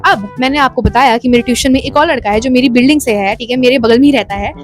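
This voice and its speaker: A woman's voice: a little high, fast, soft background music. A woman telling a personal story to her phone camera in a chatty way, mixing English into her speech and often checking in with her listeners. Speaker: storytime vlogger. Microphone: phone front camera.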